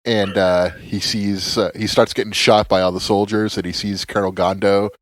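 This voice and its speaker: A man's voice: on the low side, flat delivery, moderate pace, no room sound. A man in casual podcast chat, laid-back, dropping dry quips.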